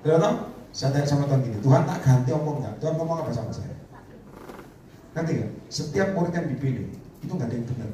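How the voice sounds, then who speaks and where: Animated male preacher in an echoey hall. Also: medium pitch, fast. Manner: animated, calls out to the congregation for responses. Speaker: evangelist preacher. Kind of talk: sermon. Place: church prayer meeting hall. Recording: echoey hall, distant mic, faint noise.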